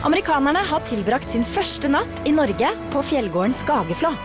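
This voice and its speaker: High-voiced woman narrating over music. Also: very animated, fairly quick. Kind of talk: scripted documentary narration.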